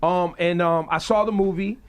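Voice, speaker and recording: Man, radio host, fairly high voice, playful teasing banter, studio interview. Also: steady tone, normal speed.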